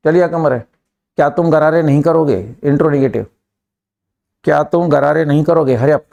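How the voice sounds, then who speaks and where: A man with an Indian accent teaching a live English class, drilling students and pushing them to answer quickly. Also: a little high, fairly even intonation, gravelly, a little mellow, dull audio.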